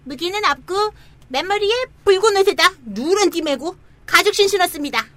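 A woman's voice: extremely high pitch, expressive, moderate pace, sharp tone, heavily acted. A woman voicing a small demon servant in a children's storybook, eager and deferential as it reports busily to its master. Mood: eager, servile. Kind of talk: dramatized children's storybook reading.

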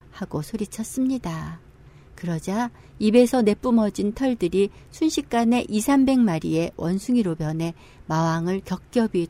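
A woman's voice: medium pitch, mellow. A woman storyteller reading a scripted children's tale as narrator.

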